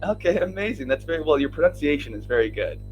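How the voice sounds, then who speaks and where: A man's voice: fairly high pitch, very animated, fast talker, soft background music, poor audio. Friendly Midwestern man tutoring. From Minnesota, United States. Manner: friendly, laughs often, asks easy questions. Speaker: English tutor. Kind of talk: casual conversation. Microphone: video call.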